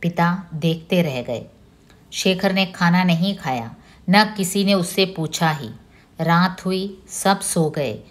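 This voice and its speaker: A woman lecturer reads a novel aloud to her class in a slow, deliberate way. Her voice sits somewhat low. Her delivery is steady and careful. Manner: measured, deliberate reading.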